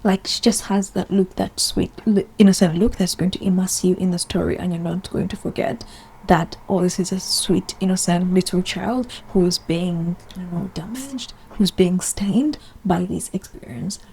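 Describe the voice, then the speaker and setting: A woman's voice: on the low side, moderate pace, warm tone, a little hiss or hum. A woman giving chatty, opinionated commentary in a casual vlog, rambling with asides. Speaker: video essayist.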